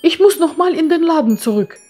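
A woman doing an excitable kind giant. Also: very high voice, fairly quick, soft background music, voice pushed up. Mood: excited. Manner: excited, exclaiming. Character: kind, cheerful male giant.

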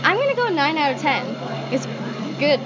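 A woman's voice: sits high, big pitch swings, normal speed, highs cut off. A young woman co-hosting a casual food review vlog in a restaurant, playful and thoughtful. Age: young adult. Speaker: co-host. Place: indoor restaurant with wooden wall. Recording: loud background music.

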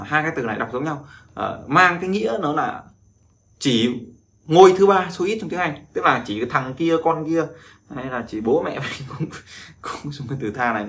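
A man's voice: mid-range voice, sharp tone. A man teaching a casual vocabulary lesson, chatting and drilling words again and again. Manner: repeats words in drawn-out drills, chatty asides. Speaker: Chinese language teacher.

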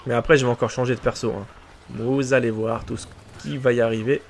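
Excitable man in let's play commentary. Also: medium pitch, fast talker, gravelly, slight background noise. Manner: excitable, joking, teasing the enemy players; chatty with viewers. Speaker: gaming video creator.

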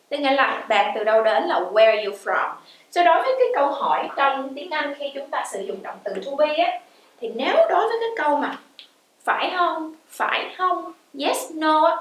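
A woman teaching an English grammar lesson in a lively way, asking the class questions and answering them herself, and reading her English examples out slowly and clearly. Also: high-pitched. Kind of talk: explaining grammar in a video lesson. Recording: very echoey room, voice from a distance.

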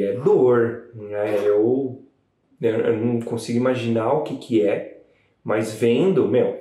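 Mellow-voiced man recounting a birth, casual and animated, roomy echo on the mic. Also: mid-range voice. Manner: chatty, animated retelling with frequent "né" tags. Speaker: new father telling his partner's birth story. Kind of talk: casual storytelling to camera.

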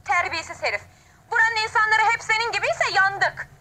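A prim, shrill city lady. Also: very animated, normal speed, sharp tone, heavily acted. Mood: indignant. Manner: indignant, shrill exclamations. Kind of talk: comic film acting.

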